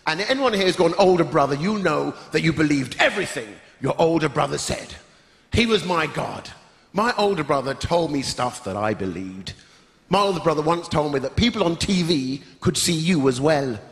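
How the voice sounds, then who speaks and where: A man's voice: a little high, lively intonation, moderate pace, gravelly. A man hosting a stand-up comedy show on a theatre stage, playfully teasing the audience. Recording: echoey theatre with loud crowd.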